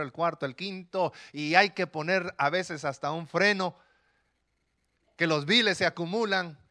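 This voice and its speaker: A male pastor preaching a sermon, telling stories with rhetorical questions to the congregation. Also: high voice. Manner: animated storytelling with rhetorical questions.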